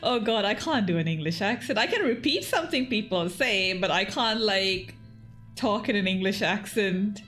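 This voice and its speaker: A woman's voice: medium pitch, expressive, moderate pace, fairly bright tone, faint music behind. A woman giving casual, sweary game commentary as a streamer, rambling and giggly.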